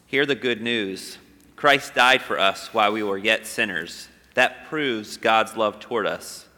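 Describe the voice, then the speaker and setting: A man leading a call-and-response prayer of confession in a slow, solemn way, his voice carried by a cathedral-like echo. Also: on the low side, bright, forceful tone. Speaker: worship leader. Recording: long reverberant hall echo.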